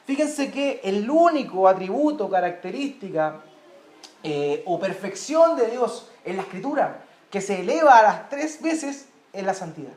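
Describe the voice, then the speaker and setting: A man's voice: high voice, sing-song, a little slow, darkish tone. Emphatic Chilean preacher, man, echoey room. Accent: Chilean Spanish. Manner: emphatic, repeats key words, checks in with listeners. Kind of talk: sermon. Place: church.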